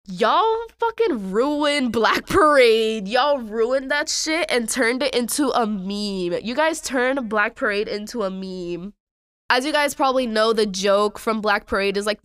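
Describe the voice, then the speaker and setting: A woman's voice: a little high, fairly bright tone, clean tone, dry recording, studio quality. A young adult woman hosting a podcast, ranting in a casual, exasperated way with lots of slang and repetition. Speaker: podcast host.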